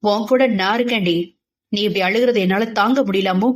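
A woman voicing a gentle, caring young man who teases in a dry, deadpan way, in her own reading voice for an audiobook. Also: mid-range voice, a little fast, close to an everyday voice. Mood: tender.

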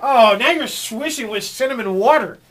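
A man hosting a radio morning show, giving excited play-by-play of a stunt, laughing often. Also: extremely high pitch, moderate pace. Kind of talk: casual on-air banter.

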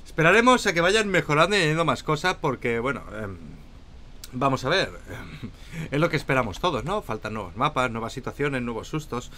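A man's voice: medium pitch, expressive, brisk, bright, forceful tone. A young man from Spain with a Spanish accent, chatting and joking to viewers during a solo game commentary. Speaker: gaming YouTuber.

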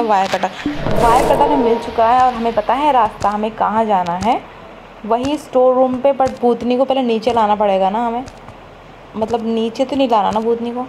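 A woman's voice: fairly high pitch, a little mellow, a little hiss or hum. A woman streamer giving casual let's-play commentary, chatty and teasing, with mock-scared exclamations. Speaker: gaming streamer.

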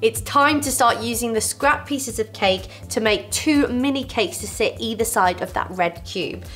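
A young woman talks viewers through a cake recipe in her home kitchen, her voice on the higher side. She keeps her instructions friendly and reassuring. Soft music plays quietly under her voice. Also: moderate pace. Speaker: baking show host. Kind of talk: step-by-step baking tutorial. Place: home kitchen with fairy lights.

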